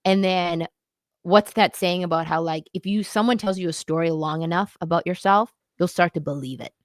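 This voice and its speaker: Low-voiced woman co-hosting a candid chat. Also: moderate pace, dry recording, studio quality. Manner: reflective, earnest, loose phrasing. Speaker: podcast co-host. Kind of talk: candid casual chat about marriage.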